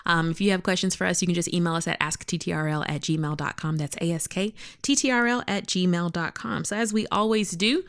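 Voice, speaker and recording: A woman's voice: on the low side, fairly quick, hardly any pauses. A woman co-hosting a podcast, giving advice in casual, chatty talk. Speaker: podcast co-host. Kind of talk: casual chat.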